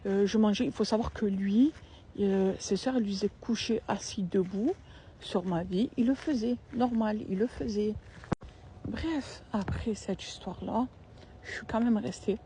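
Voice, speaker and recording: A woman's voice: medium pitch, normal speed, dark tone, a little hiss or hum. Slangy young woman. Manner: slangy, repetitive, emphatic. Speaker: storyteller. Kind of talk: casual storytime vlog.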